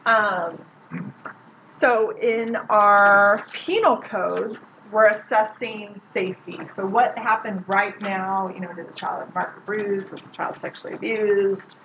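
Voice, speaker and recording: A woman's voice: medium pitch, slow pace. A woman, a social worker, giving a casual classroom lecture and quizzing the audience. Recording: muffled lo-fi recording with loud background noise.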